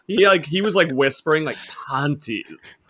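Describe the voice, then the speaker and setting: A man hosting a casual podcast chat, teasing his guests with quick laughs. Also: mid-range voice, a bit bright. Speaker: podcast host.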